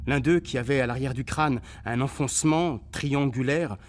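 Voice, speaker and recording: A man giving an expressive, dramatic reading of a war memoir for radio, voicing the sounds of shells and cries. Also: mid-range voice, moderate pace. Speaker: reader on a radio documentary.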